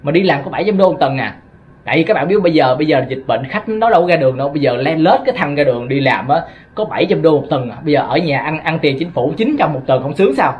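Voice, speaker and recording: Fast-talking Southern Vietnamese man, rambling. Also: on the high side, animated, dull audio, a little hiss or hum. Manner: rambling, stumbles and repeats words while talking. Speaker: vlogger. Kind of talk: casual monologue to viewers.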